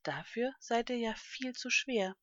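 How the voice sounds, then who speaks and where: A woman voicing a calm, kindly big ostrich. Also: fairly high pitch, unhurried, dry recording, muffled recording. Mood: explaining. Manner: gentle, explaining, reassuring.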